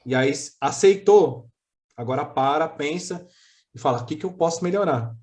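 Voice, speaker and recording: Podcast guest, Brazilian man, slightly high voice, earnest and reflective, lots of restarts. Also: expressive, normal speed, darkish tone. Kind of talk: casual interview chat.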